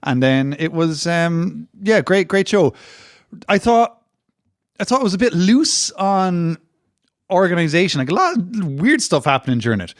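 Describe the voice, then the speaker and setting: A man's voice: sits high, expressive, normal speed, no echo, clean studio sound. A man co-hosting a wrestling podcast, rambling and mock-indignant in casual banter.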